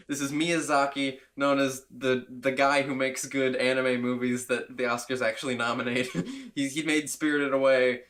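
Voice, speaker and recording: A young man chats on a casual movie podcast at an ordinary, middle pitch. He rambles with enthusiasm, backtracks often and slips in frequent laughs. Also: a little slow, fairly bright tone. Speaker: podcast co-host.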